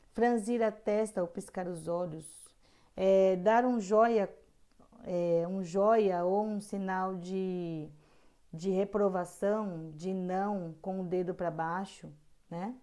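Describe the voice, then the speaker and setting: A woman's voice: mid-range voice, mellow. A middle-aged woman teaching a caregiver course, reading guidelines with earnest asides and frequent hesitations. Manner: earnest, frequent hesitations, emphatic on key points.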